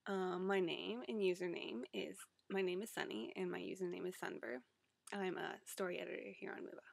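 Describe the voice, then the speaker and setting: A woman's voice: on the low side, steady tone, brisk, creaky, dry recording. A young woman with an Ontario Canadian accent talks casually to camera in a hesitant, rambling way with frequent asides. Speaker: vlogger, website story editor.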